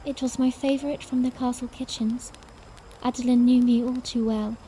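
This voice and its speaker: A woman playing a young princess in a fanmade audiodrama, narrating in the first person in a soft, earnest, unhurried storybook way. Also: a little high, level tone, slight background noise, natural voice. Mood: warm, wistful.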